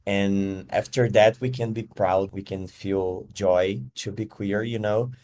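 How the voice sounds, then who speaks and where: A man's voice: lowish voice, steady tone, slow, a little mellow. A man from Brazil, a podcast guest giving thoughtful answers while searching for words. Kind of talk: casual interview answers.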